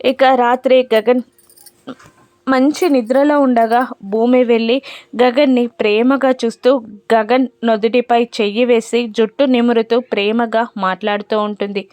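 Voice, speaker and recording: A woman retelling a TV serial episode in a steady, descriptive storytelling manner. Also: fairly high pitch, normal speed, smooth, dry recording. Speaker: serial recap narrator.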